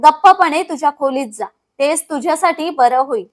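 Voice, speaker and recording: A domineering old patriarch barks scornful orders at his family, read by a woman narrator in her own high voice. He speaks with cold, bullying contempt. The voice stays bright and high for a man. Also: normal speed, lightly acted. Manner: barking, scornful. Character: harsh older male household tyrant.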